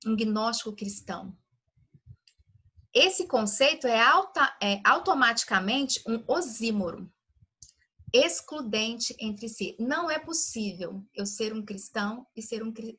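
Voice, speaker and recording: A woman's voice: on the high side, pushed and bright. A woman teaching a women's Bible study in a livestream, chatty and full of rhetorical questions. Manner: conversational, asks rhetorical questions, frequent "né?".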